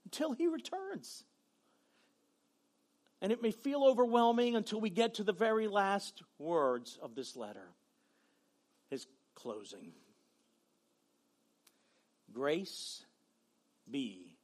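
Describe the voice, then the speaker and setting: A man with a Southern US accent preaching a sermon as pastor, swinging from shouted passion to quiet, low talk.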